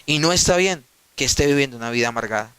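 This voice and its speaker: A man's voice: medium pitch, animated, fast talker, a bit bright, smooth. A male pastor preaching a sermon emphatically, putting rhetorical questions to his listeners and addressing them directly.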